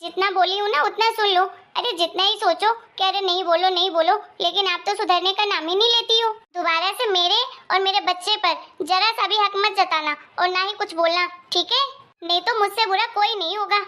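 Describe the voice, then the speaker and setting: A sharp-tongued young married daughter scolds and complains at length, played by a woman. Her voice sits very high and sounds bright and forceful. It is a cartoon moral story. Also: moderate pace. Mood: scolding. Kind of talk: Hindi moral story voice acting.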